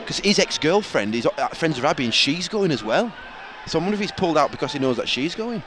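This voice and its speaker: Animated Bradford man amid clear stadium noise. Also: on the high side, fast. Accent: Bradford, West Yorkshire. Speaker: podcast co-host. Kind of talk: casual bantering chat. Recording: noisy outdoor stadium, traffic ambience.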